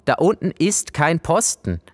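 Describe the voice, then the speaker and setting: A man's voice: fairly high pitch, big pitch swings, a little slow, pitched above the performer's own voice. A man voicing a skeptical schoolboy who likes to take charge. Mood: commanding. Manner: commanding, dismissive. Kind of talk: storybook character voice.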